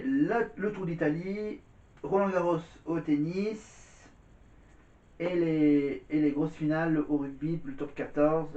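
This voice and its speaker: A man with a slightly high, darkish voice vlogs casually to camera from home. He rambles, repeats words, and keeps saying "voilà," and the recording is lo-fi and dull with room echo.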